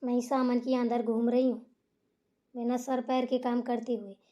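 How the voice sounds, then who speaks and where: A woman voicing an aging village mother who is bossy and short-tempered, yelling shrilly and muttering to herself. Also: a little high, flat delivery, normal speed, highs cut off, lightly acted. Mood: rueful. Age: older. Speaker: cartoon character voice. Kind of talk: cartoon voice acting.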